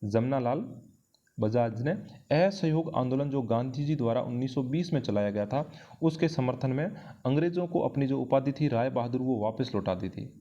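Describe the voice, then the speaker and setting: A man with a mid-range, mellow voice speaks animatedly at a normal speed. He's running an exam-prep history lesson, working through quiz questions, explaining and repeating key phrases for emphasis. The sound comes from a dull lo-fi microphone.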